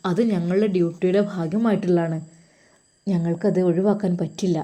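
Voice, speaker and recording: A woman's voice: lowish voice, fairly even intonation, brisk, warm tone, lightly acted. A woman voicing a polite, dutiful male police officer explaining his orders in an audio story. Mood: formal. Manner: formal, explaining.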